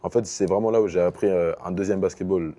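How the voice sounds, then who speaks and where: Here the young basketball guest from Paris, France sounds low and mellow, with a steady tone and a quick pace. He casually responds to interview questions while easing into English basketball jargon.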